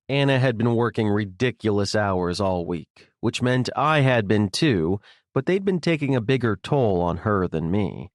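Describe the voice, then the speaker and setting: A man's voice: on the low side, no echo. A man narrating an audiobook in the first person with a wry, sardonic delivery, recorded on a close studio mic.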